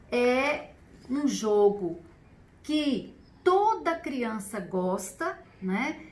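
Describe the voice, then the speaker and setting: A woman who teaches special education, with a Brazilian Portuguese accent, patiently explaining a learning activity to parents, often adding "né?" and counting out examples slowly. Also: high voice. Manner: patient, explanatory, frequent "né?" tag questions; counts slowly and stretches words when demonstrating. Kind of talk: instructional video for parents.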